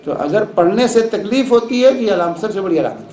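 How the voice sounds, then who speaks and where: High-pitched man lecturing in an echoey hall. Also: fairly quick, crowd noise. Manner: calm explanatory, repeats points for emphasis. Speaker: Islamic lecturer. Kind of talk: lecture with audience questions. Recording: echoey hall with faint noise.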